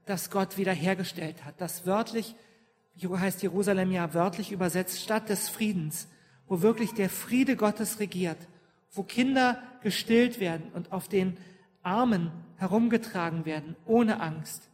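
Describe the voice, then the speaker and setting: A woman pastor preaches to her congregation in a church with long reverb, engaging them with questions and often checking in with "ja?". Her voice is mid-range, unhurried and a little mellow.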